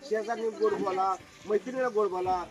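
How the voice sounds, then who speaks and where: A man's voice: high voice, steady tone, moderate pace. A middle-aged man, performing as a magician and keeping up joking stage patter and crowd banter outdoors. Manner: joking showman who keeps calling for loud applause. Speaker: magician performing for a tour group. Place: outdoors at an agro-tourism farm.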